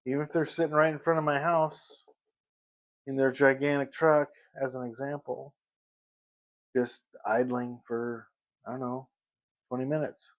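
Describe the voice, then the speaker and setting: A man vlogging a casual morning chat at home, rambling and pausing to search for the right word. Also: medium pitch, level tone. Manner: rambling, pauses to search for words.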